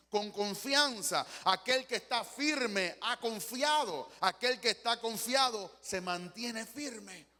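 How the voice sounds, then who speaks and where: A man's voice: sits high, bright, forceful tone, in a large hall. A man with a Panamanian Spanish accent preaching a sermon as pastor, passionate and acting out quotes as he goes. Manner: impassioned preaching with acted-out quotes.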